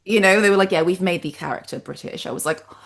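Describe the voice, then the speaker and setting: A woman from Nigeria hosting an interview, expressive and quick to laugh. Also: lowish voice, creaky. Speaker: host. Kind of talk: casual interview chat.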